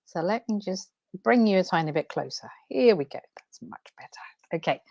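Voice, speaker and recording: On her first livestream, a transformation coach with a Danish accent talks unscripted, passionate though a little nervous, full of fillers and self-corrections. Her low voice is expressive, gravelly, and a bit mellow at normal speed, in clean studio sound with no echo.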